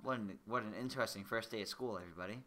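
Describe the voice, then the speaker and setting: A man's voice: fairly low pitch, very fast, bright, forceful tone. A young man streaming a video game, chatting casually and rambling through stories. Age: young adult. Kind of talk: casual let's-play chat.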